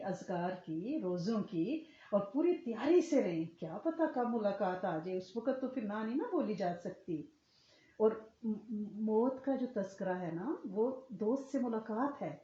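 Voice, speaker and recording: A woman's voice: medium pitch, warm tone. A woman religious teacher giving an earnest, explanatory lecture, often checking in with her listeners. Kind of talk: religious lecture to a women's class. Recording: echoey room, slightly muffled sound.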